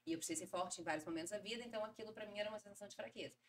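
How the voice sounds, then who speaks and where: A woman's voice: mid-range voice, slight background noise. A woman with a Brazilian accent chatting expressively as a podcast guest. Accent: Brazilian Portuguese. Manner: expressive, quick, laughs easily. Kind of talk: casual chat.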